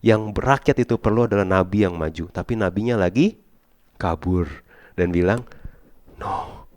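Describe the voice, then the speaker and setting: A male pastor preaching a sermon in casual Jakarta slang mixed with English, swinging from loud declarations to hushed asides. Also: low-pitched, moderate pace, dry recording, studio quality.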